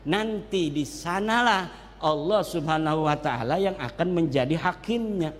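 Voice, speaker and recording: A man speaks in a high, bright register as he gives a religious lecture. He is lively and jokes often, mixing local Sundanese and Javanese words into his talk. His voice carries a long, echoing hall reverb. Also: a little slow. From Banten, Indonesia. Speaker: Islamic cleric speaker.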